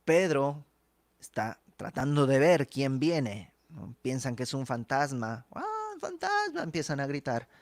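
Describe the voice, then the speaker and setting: A man's voice: medium pitch, a little slow, a little mellow, no room sound. A man teaching a verse-by-verse Bible study in a conversational way, acting out the dialogue of the text.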